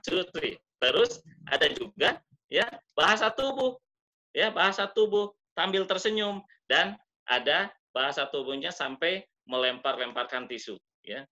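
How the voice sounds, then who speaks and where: A man with a fairly high, bright and forceful voice gives a public speaking lesson over a webinar. He demonstrates as he teaches, swinging his pitch and pace on purpose. The sound is dull and lo-fi, like online call audio.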